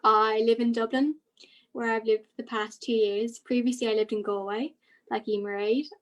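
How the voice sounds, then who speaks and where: A young woman of seventeen introducing herself in a measured, polite way. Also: a little high, level tone. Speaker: young activist panelist. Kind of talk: self-introduction.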